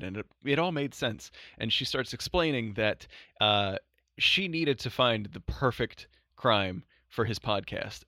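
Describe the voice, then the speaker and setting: Bright-voiced, laughing podcast host man. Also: on the low side, no room sound, studio quality. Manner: laughs often, acts out quotes. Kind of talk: casual chat recap.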